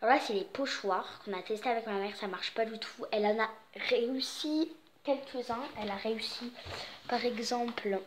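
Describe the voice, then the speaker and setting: A woman's voice: a little high, normal speed, slight background noise. A young woman giving a casual, rambling tour of her home's Christmas decorations, with many fillers. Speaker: vlogger. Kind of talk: casual home tour vlog.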